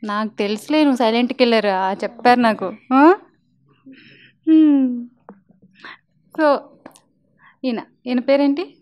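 A woman's voice: on the high side, a little slow, long pauses, a little mellow. A young woman anchor chatting playfully with children, teasing them and asking questions. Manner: chatty, teasing, talks to kids in a friendly way.

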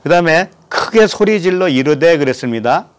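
A man's voice: on the high side, expressive, moderate pace, clear, resonant tone. A man from Korea, a pastor, preaching a sermon, reading scripture aloud and asking his listeners questions. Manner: asks the congregation questions and reads scripture aloud.

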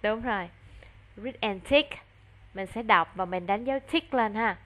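A woman with a Vietnamese accent tutoring a child in English online, encouraging and slowing down to model English words clearly. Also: medium pitch, fairly bright tone.

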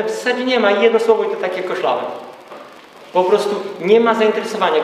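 High-voiced man lecturing in an echoey hall. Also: far from the mic, slight background noise. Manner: emphatic, rhetorical questions. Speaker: speaker at a gathering. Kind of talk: lecture to a live audience.

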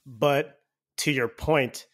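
A man's voice: mid-range voice, steady tone, extremely slow, fairly bright tone. A man in his thirties hosting a casual podcast on a headset mic, upbeat and full of "like". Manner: upbeat, heavy use of "like". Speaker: podcast host. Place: home room.

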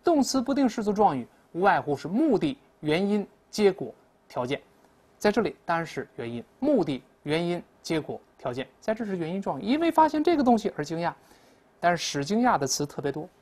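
A woman's voice: fairly low pitch, big pitch swings, fairly quick, darkish tone, breathy edge. A woman teaching English in a classroom lecture, explaining answers and leading repeat-after-me pronunciation drills.

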